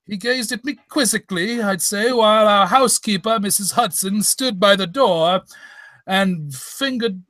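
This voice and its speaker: In a hammed-up old-time radio play full of comic ad-libs, a man plays a doddering, fussy old English Doctor Watson who stammers, rambles, and reminisces in a befuddled way. His high voice is pushed and bright at a measured pace, with no room sound.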